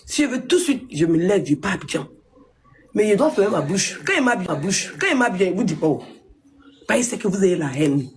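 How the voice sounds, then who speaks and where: A woman on a phone live stream, scolding her critics with indignant rhetorical questions and sudden high exclamations. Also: big pitch swings, fast, a little hiss or hum. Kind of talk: social media livestream rant.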